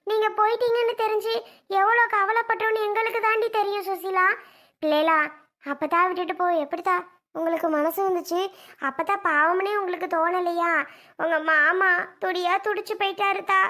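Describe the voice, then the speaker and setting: A woman's voice: very high-pitched, fairly even intonation, moderate pace, pushed and bright. A woman playing an older mother-in-law who scolds and pleads with her returning family. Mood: reproachful. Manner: scolding, pleading, tearful reproach. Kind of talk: family skit acting.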